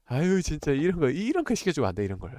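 Animated man streaming, blunt and excitable. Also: a little high, quick pace, no echo, clean studio sound. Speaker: live streamer. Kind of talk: casual livestream chat with viewers.

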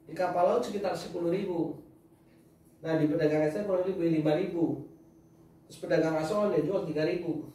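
A man's voice: on the high side, fairly even intonation, fairly quick, long pauses, mellow. A man talking as a father giving his family advice in casual chat, lecturing and laughing often. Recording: echoey room, mic far off.

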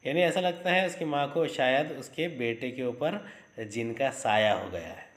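A male teacher reads through a play's stage directions, stopping now and then to explain its words. His pitch is middling. The room gives his voice a roomy echo. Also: unhurried, a bit bright. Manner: explanatory, stops to gloss words. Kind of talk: reading and explaining a play for a school lesson.

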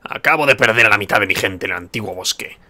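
A man with a Spanish accent from Spain reading the lines of a weary, doubtful young chieftain from a video game, slow and subdued. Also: fairly low pitch, sharp tone.

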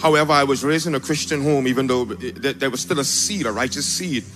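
A man raised in the Bahamas giving a spoken testimony on a large auditorium stage into a handheld mic, animated and breaking into shouts when excited. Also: medium pitch, brisk. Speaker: testimony speaker at a church event. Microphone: handheld mic held by another man.

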